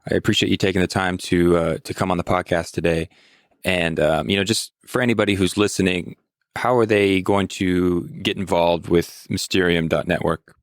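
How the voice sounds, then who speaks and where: Deep-voiced man hosting a podcast. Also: steady tone, moderate pace, no echo, clean studio sound. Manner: informal, laid-back phrasing. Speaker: podcast host. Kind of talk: casual interview chat.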